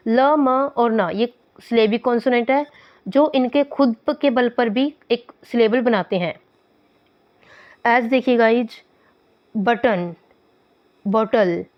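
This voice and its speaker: Slow-talking Indian woman teacher. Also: a little high, dull audio. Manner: reads English slowly, explains quickly in Hindi. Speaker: English teacher. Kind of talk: online grammar lesson.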